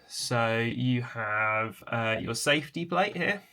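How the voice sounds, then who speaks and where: A man presenting a casual hands-on tutorial in an informal, tentative, explanatory way, with a chair creaking. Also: medium pitch, expressive, takes it slowly, bright, forceful tone. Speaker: video presenter.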